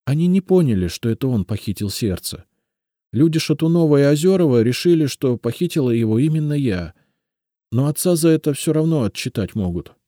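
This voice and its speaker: A man's voice: mid-range voice, animated, fairly quick, warm tone, no room sound, clean studio sound, voice pushed up, natural voice. A man voicing a young female healer who speaks earnestly and pleads, in an audiobook. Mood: pleading.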